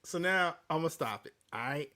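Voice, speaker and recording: A man co-hosting a casual panel chat, playful and animated, acting out quotes. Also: on the high side, moderate pace, a loud crowd. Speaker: podcast co-host.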